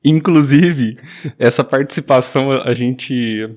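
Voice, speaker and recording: A man's voice: mid-range voice, measured pace, a little mellow. A man hosting a podcast, asking questions in a friendly, chatty way. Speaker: podcast host. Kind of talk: casual podcast interview.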